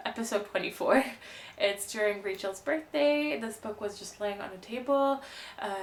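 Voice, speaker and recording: A woman's voice: lowish voice, gravelly, fairly bright tone. Woman, book vlogger, casual chat, self-deprecating, echoey room, faint hum. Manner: chatty and self-deprecating, laughs often.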